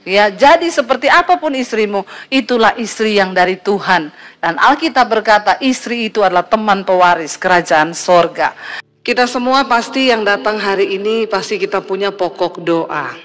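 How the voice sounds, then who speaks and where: A woman's voice: medium pitch, moderate pace. A middle-aged woman pastor preaching a sermon, telling humorous stories and speaking directly to the congregation. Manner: animated, humorous storytelling, addresses the congregation directly.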